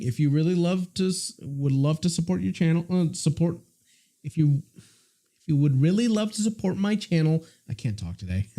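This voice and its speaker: Lively, mellow-voiced male streamer. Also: fairly high pitch. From United States. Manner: chatty, reads and answers viewer messages. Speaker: live streamer. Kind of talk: casual live-stream chat.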